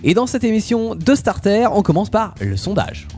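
A man's voice: high voice, wildly swooping pitch, normal speed. A man hosting a casual radio show, presenting segments and explaining them at length.

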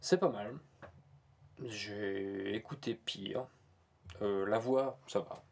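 A man's voice: fairly low pitch, takes it slowly, vocal fry, slight background noise. A man from Normandy with a Norman French accent, co-hosting a casual podcast chat about metal bands and joking often. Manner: joking, teasing, laughs often. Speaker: podcast co-host.

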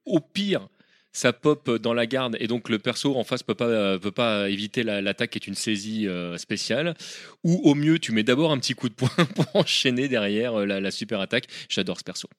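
A man's voice: medium pitch, lively intonation, fairly quick, no echo, clean studio sound. A man co-hosting a casual gaming podcast, jokey, stumbling and repeating words as he explains. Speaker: podcast co-host.

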